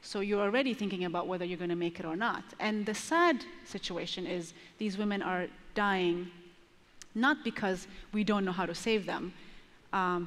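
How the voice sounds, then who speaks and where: A woman in her thirties from Ethiopia, answering earnestly on a conference panel through a headset mic, pausing and restarting as she thinks. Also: lowish voice. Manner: earnest, thoughtful, with pauses and restarts. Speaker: panelist, maternal health advocate. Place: large conference stage with long reverb. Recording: reverberant large hall.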